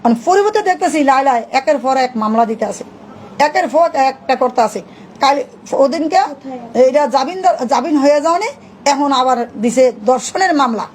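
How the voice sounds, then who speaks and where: Middle-aged woman, high-pitched and rapid, telling her story in a rambling way, faint noise behind. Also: animated, darkish tone, rough recording. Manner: rapid, rambling, acts out quoted dialogue. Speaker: interviewee, mother of the subject. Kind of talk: emotional spoken account to reporters.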